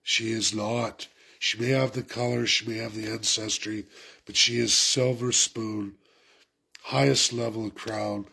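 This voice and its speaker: This male political commentator has a lowish, husky voice with vocal fry, pushed and bright. Stuffed up with a head cold, he delivers an impassioned, repetitive rant straight to his viewers on camera.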